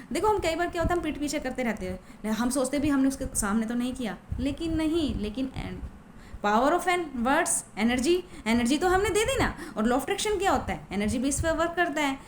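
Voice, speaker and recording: A woman's voice: sits high, expressive, a little fast, a little hiss or hum. A woman coach talking casually and chattily, repeating herself with many fillers. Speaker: law of attraction coach. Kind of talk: casual talk to camera.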